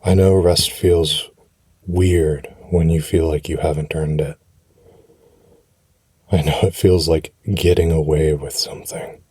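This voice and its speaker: A man speaking soothing affirmations for rest in a deep, husky, breathy voice, gently and reassuringly, with unhurried pauses, close to the mic. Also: dry recording. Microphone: close, dry microphone.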